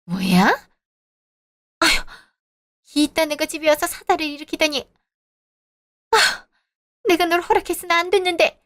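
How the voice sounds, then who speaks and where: A woman voicing a domineering older mother-in-law who scolds in a slow, heavy way, in an audio drama. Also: very high voice, sing-song, fairly bright tone, dry recording, clean studio sound, voice pushed up, heavily acted. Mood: scolding.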